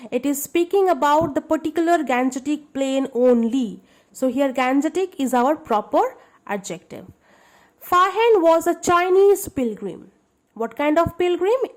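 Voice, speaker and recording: A woman's voice: sits high, darkish tone. A woman teaching a grammar lesson to schoolchildren, explaining patiently and checking that they understand.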